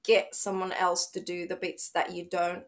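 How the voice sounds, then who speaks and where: This is a woman's fairly low, monotone voice at normal speed. She's a middle-aged Finnish fitness trainer, Finnish by first language, appearing as a guest in an easygoing interview, talkative and outgoing with many restarts.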